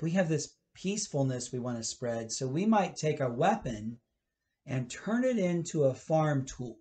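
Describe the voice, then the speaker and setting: A man in his fifties, a pastor giving a children's church lesson, explaining gently and rephrasing as he goes while gesturing, recorded on a webcam in a church library. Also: medium pitch.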